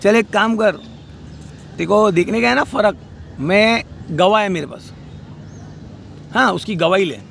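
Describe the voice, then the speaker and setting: A man's voice: high-pitched, a little slow, creaky, long pauses, fairly bright tone, slight background noise. A man delivering a heated, scolding rant about a family dispute, outdoors by a street. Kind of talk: angry spoken rant.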